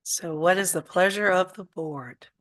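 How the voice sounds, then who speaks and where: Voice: mid-range voice, a little slow, fairly bright tone. A board chair running a formal public meeting, moving through procedure and laughing easily with the members.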